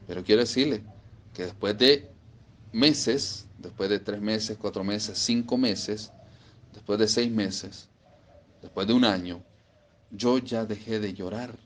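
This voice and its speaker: A man preaching a sermon, emphatic and repeating phrases for stress. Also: fairly low pitch.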